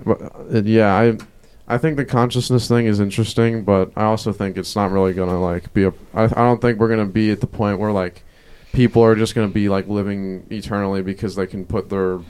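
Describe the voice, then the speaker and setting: A man's voice: fairly low pitch, fairly even intonation, fairly quick, hardly any pauses, a little mellow, clear, resonant tone. A young man chatting casually as a podcast co-host, feeling his way through loose, hesitant sentences. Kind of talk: casual chat.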